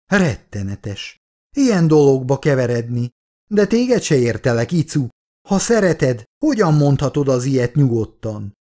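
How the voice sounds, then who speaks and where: A man's voice: mid-range voice, sing-song, mellow, close to an everyday voice. A man voicing a stern, sensible grandfather who speaks in a firm, dry way.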